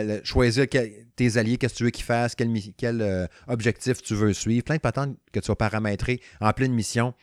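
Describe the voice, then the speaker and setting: A young man with a Quebec French accent chats about a game he is reviewing. He rambles excitedly, with lots of slang and restarts. His voice is recorded very dry and close. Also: fairly low pitch, clear, resonant tone, dry recording. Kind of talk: casual gaming chat.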